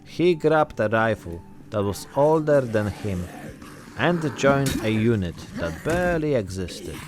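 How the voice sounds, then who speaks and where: A man voicing a weary immigrant zombie-apocalypse survivor, telling his story in short, deadpan, reflective phrases. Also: lowish voice, a little slow, music in the background. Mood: somber, reflective. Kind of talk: narrated in-character role-play monologue.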